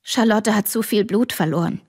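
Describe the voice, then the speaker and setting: Audiobook: woman voicing a farmer dad, firm, warm, hushed, at times whispered. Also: mid-range voice, moderate pace, husky, natural voice. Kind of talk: audiobook reading.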